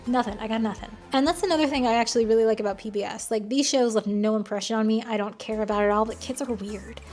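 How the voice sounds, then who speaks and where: A woman's voice: a little high, fast, a little mellow. An American woman giving casual, opinionated commentary in a blunt, wry, conversational way. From United States. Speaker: video commentator. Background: music.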